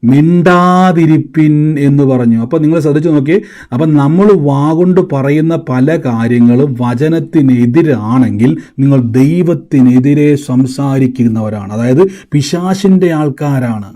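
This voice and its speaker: A man's voice: mid-range voice, normal speed, mellow. A man from preaching a sermon, asking the congregation questions and waiting for their answers.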